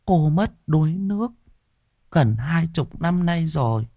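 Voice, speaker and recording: A man voicing a worried old grandmother in an audiobook, speaking slowly and softly. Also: on the high side, very animated, breathy edge, no room sound, pitched above the performer's own voice, exaggerated voice. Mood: worried, tender.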